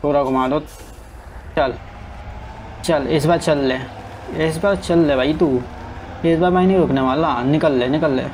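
A man talks his way through a driving game in a loose, chatty flow, urging his truck along and talking to viewers. His voice sits a little high. Faint game sounds hum underneath. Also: moderate pace, darkish tone, low-quality recording. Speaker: gaming streamer. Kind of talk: casual gameplay commentary.

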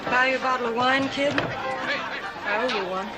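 A woman playing a worldly, cynical western saloon girl with an unhurried delivery. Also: high-pitched. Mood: weary. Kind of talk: 1950s television western acting. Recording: old TV soundtrack, music, saloon crowd.

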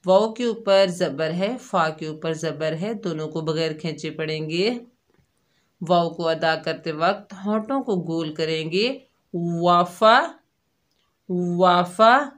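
Speaking slowly in a low-pitched voice, a female tajweed teacher breaks down the rules of Quran recitation one step at a time. After patiently explaining every letter, she leads slow syllable drills, chanting them louder and stretched out.

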